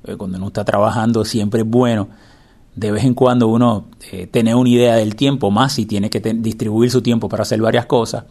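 A man's voice: fairly low pitch, fairly even intonation, brisk, darkish tone. A man instructing in a screen reader tutorial, explaining patiently and repeating the key steps. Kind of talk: spoken step-by-step tutorial.

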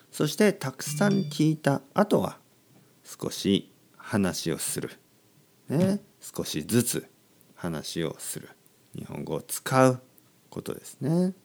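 Slow, gravelly man teaching Japanese. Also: deep voice, darkish tone. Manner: repetitive and encouraging, repeats key words many times. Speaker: podcast host teaching Japanese. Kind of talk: slow, simple Japanese for learners.

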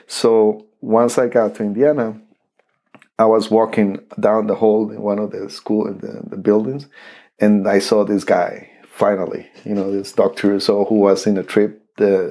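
A man from Costa Rica with a Costa Rican Spanish accent, a native Spanish speaker telling his story in an interview, halting with many restarts and fillers. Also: on the low side, dark tone. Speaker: interview guest, saxophonist.

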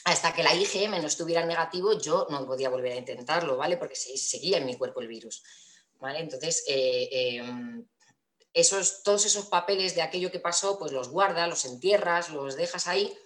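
A woman tells a personal story to her viewers. Her voice sits low. She rambles with frequent restarts and fillers, and the room echoes noticeably around her. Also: a little fast, fairly bright tone.

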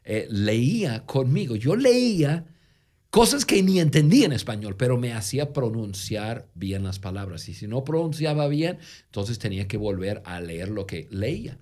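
A man co-hosting a podcast who tells stories in casual Spanish, which is not his first language, with a lingering foreign accent and frequent halting restarts. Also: mid-range voice, sing-song, a little mellow. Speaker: podcast co-host. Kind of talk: casual conversational storytelling.

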